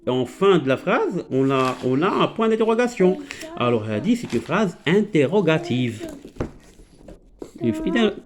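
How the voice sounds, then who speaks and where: Moroccan male teacher, higher voice with an animated lilt, patient "alors"-filled grammar lesson for kids. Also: moderate pace, crowd noise. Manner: switches between French and Moroccan Arabic, explains patiently with many "alors". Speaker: primary school French teacher.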